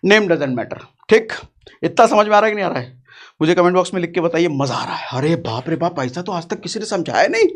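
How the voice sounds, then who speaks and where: A man, teaching chart reading in a casual, rustic, joking way with lots of repetition. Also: high-pitched. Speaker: trading teacher.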